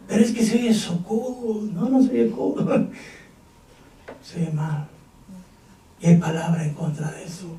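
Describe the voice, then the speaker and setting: A male Pentecostal pastor speaking with a Mexican Spanish accent puts rhetorical questions to the congregation during his sermon. His voice is high and mellow, picked up by a distant mic in an echoey church hall.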